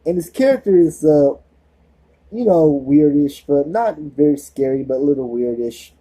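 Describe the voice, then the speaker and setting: A man's voice: a little high, expressive, moderate pace, warm tone, breathy edge, low-quality recording. A man with a lisp giving a casual movie review, rambling and often losing track and starting over.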